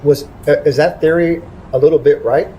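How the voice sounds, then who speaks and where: A man co-hosts a podcast in casual chat, feeling his way into a question. He talks hesitantly and fills his pauses with many fillers. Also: fairly high pitch, fairly even intonation, warm tone, a little hiss or hum, rough recording.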